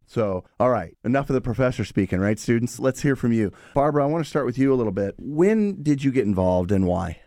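A man's voice: mid-range voice, expressive, a little fast, hardly any pauses, mellow, no room sound, clean studio sound. A man hosting an interview, asking questions in a friendly way and often agreeing with his guests. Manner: friendly, affirming, asks questions. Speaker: host.

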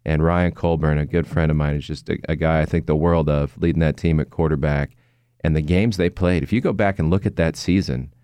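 Very deep-voiced smooth announcer man. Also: mellow, no room sound. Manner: earnest, storytelling, reflective. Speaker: sports announcer and guest. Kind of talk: conversational interview.

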